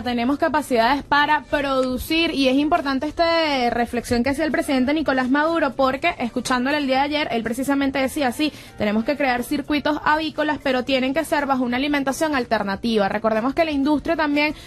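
A woman's voice: high voice, fairly quick, hardly any pauses. A woman with a Venezuelan accent co-hosting a radio show, giving reflective political commentary with casual fillers.

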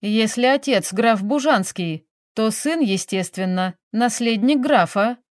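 A dry, sarcastic male investigator in an audiobook, as a woman reader puts him on. He speaks slowly in a lecturing monotone. The recording is dry and close. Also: fairly high pitch, no echo. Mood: stern.

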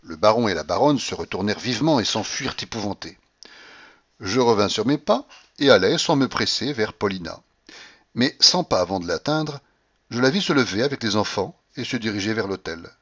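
Expressive male audiobook narrator. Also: dull audio. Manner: dramatic, shifts pitch to act out scenes. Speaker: audiobook reader.

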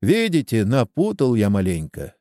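A man's voice: lowish voice, wildly swooping pitch, normal speed, warm tone, no echo, clean studio sound. A man voicing a jolly, muddled older village uncle in a storybook reading. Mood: jovial. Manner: jovial, fumbling.

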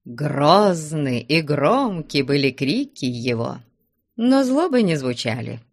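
A woman reads an old novel aloud, slow and deliberate, her pitch rising and falling expressively. Her voice sits a little low and is recorded very close and dry. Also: big pitch swings, dry recording. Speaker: narrator. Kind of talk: audiobook narration.

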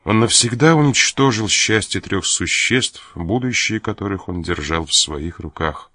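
A man's voice: lowish voice, lively intonation, measured pace, no room sound, studio quality, full character voice. Man putting on a frail, sad young noblewoman. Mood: despairing. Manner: pleading, tearful softness. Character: gravely ill young noblewoman, sad and anxious.

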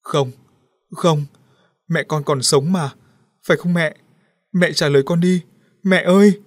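A man's voice: mid-range voice, steady tone, moderate pace, dry recording, clean studio sound, close to an everyday voice. A man voicing a grieving young daughter in an audiobook, pleading and tearful with rising cries. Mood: grief-stricken pleading. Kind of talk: audiobook character voice.

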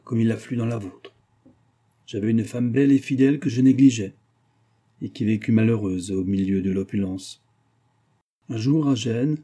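A man voicing a ruined, desperate old gambler who pleads and then confesses gravely, in an audiobook reading. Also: medium pitch, mellow, lightly acted.

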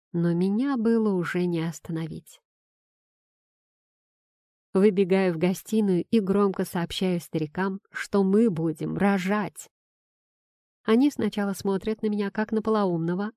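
A woman narrating a first-person novel in a lively, ironic storytelling manner. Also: mid-range voice, no echo, clean studio sound. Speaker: audiobook narrator.

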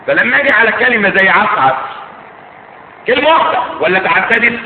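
Egyptian sheikh teaching a class, high voice, keeps asking students quick questions, tinny phone-ish sound with faint hum. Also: male voice, expressive, roomy sound, big-room sound. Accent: Egyptian Arabic. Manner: keeps quizzing listeners with quick check questions. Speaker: religious teacher. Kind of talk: classroom lecture.

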